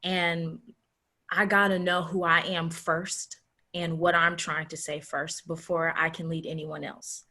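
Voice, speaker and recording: Earnest teenage girl, measured and emphatic. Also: sits low, little pitch movement, sharp tone. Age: teens. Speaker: guest, graduating senior. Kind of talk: panel interview answer.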